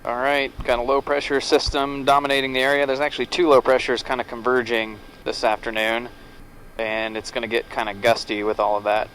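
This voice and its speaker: A pilot and vlog host casually narrates his cockpit tasks through an aviation headset, his mid-range voice level, fairly quick, and fairly bright. The rough headset audio picks up faint cockpit noise, with aircraft cabin noise behind him.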